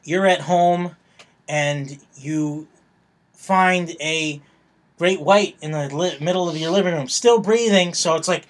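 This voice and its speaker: A man's voice: a little high, takes it slowly. A man co-hosting a comedy podcast who rambles goofily through gory jokes and laughs easily. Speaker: podcast co-host. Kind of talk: casual comedy podcast banter.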